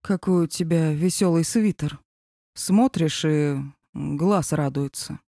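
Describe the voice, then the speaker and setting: A woman's voice: low-pitched, slow pace, mellow, no echo, full character voice. A woman doing a prim, dry female boss. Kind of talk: audiobook character reading.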